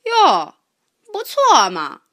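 A woman's voice: medium pitch, animated, slow pace, fairly bright tone, dry recording, clean studio sound, voice pushed down. Woman voicing a smug, bossy big tiger. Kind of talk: children's storybook reading.

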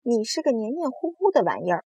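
A woman voicing a boastful, cheeky male giant centipede in a storybook reading, bragging and teasing loudly. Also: medium pitch, animated, normal speed, vocal fry, slightly rough, dry recording.

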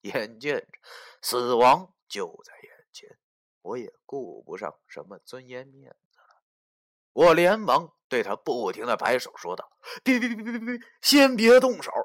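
A man narrating a novel dramatically, shifting between hushed whispers and loud outbursts. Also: fairly high pitch. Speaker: audiobook narrator. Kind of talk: dramatic storytelling.

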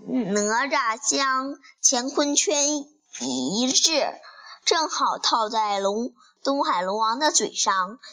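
A woman reading a children's story aloud in a halting way, with fillers and restarts. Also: on the high side, bright, forceful tone, low-quality recording.

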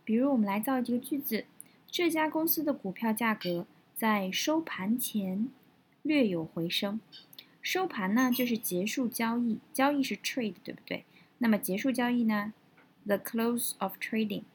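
A woman teaching English vocabulary from a news story, explaining words step by step, spelling them out slowly and repeating them. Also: a little high, lively intonation, slight background noise, poor audio.

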